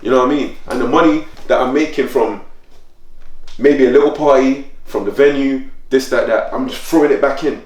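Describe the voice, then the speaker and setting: Here a podcast host with a mid-range voice talks fairly quickly, telling lively slang-filled stories in casual chat. When he gets worked up, his voice jumps higher. It's picked up on a distant mic, with a roomy, somewhat off-mic quality.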